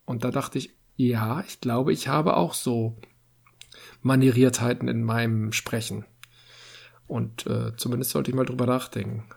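A man's voice: mid-range voice, steady tone, unhurried, gravelly, darkish tone, slightly rough. A man chatting on a podcast, reflective and a little hesitant. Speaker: podcast co-host. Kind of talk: casual podcast chat.

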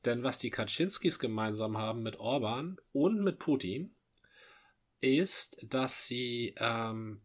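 A man in a casual political discussion, talking conversationally and often ending points with a quick tag question. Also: mid-range voice.

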